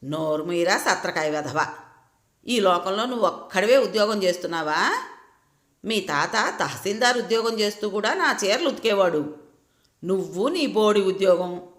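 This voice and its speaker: A woman voicing a sharp-tongued old grandmother who scolds loudly without stopping, in a roomy echo. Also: medium pitch, expressive, normal speed, lightly acted. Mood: scolding. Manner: loud nonstop scolding.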